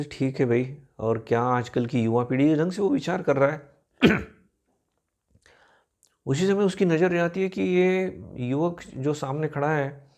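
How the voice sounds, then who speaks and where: A man, a spiritual speaker, narrating a moral story in a lively way and acting out the characters. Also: on the high side. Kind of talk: storytelling talk.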